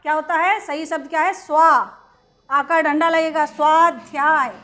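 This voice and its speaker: A woman's voice: sits high, fairly even intonation, brisk, pushed and bright. A woman teaching Hindi spelling in an online lesson to children, patiently repeating words and quizzing the class.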